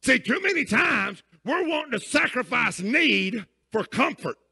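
A man's voice: very high-pitched, very animated, unhurried, gravelly, sharp tone, breathy edge. A man preaching a sermon as pastor, emphatic and folksy, often checking in with his listeners.

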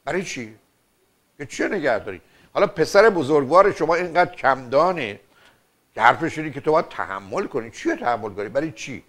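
An older man who hosts a radio and TV call-in advice show as a family therapist lectures insistently, piling on rhetorical questions. His voice is fairly high, animated and a bit bright.

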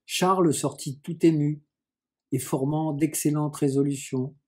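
A man narrating a classic novel as an audiobook, calm and measured. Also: fairly high pitch.

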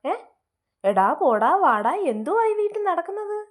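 Woman playing a shrill bossy mother-in-law. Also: a little fast, natural voice. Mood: scolding. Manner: shrill, scolding, domineering. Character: bossy scolding middle-aged mother-in-law. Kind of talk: comedy sketch acting.

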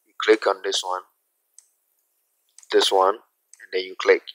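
A man teaching a graphic design software tutorial, talking through each step slowly and checking in with "okay?" as he goes. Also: low-pitched, level tone, no room sound, low-quality recording. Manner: unhurried, repeats steps, asks "okay?" often. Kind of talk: screen-recorded software tutorial.

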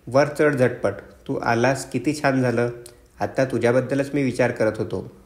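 An eager, effusive young man, read by a male narrator of an audiobook, pouring out his words in a fairly flat, mid-pitched voice. The storybook reading carries a roomy echo. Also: moderate pace, natural voice. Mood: eager hushed. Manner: eager, exclaiming, confiding. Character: excitable, effusive young man, secretive then loud.

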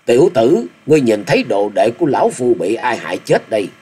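A man voicing a fierce old male martial-arts villain who barks gruff demands. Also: mid-range voice, very animated, fast, mellow. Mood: menacing.

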